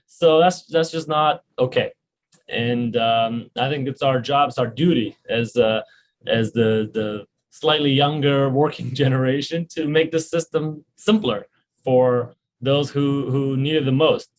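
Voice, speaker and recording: A man in his thirties speaks as a guest on a podcast. He talks earnestly and at medium pitch. He restarts often and fills his pauses. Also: fairly even intonation. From Romania. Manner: earnest, many restarts and filler words. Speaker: health insurance company founder and CEO. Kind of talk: podcast interview.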